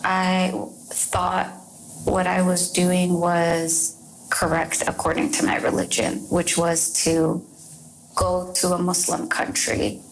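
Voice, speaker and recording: A young woman from Canada, interviewed and recounting her past in a halting, measured way with fillers. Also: on the low side, level tone, a little hiss or hum, low-quality recording. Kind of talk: recorded interview recollection.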